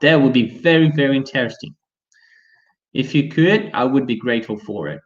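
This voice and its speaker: A young adult man with a Brazilian Portuguese accent teaches a live online English class, speaking at normal speed with a medium-pitched voice. He's chatty and full of fillers like "you know," and the stream audio is dull and lo-fi.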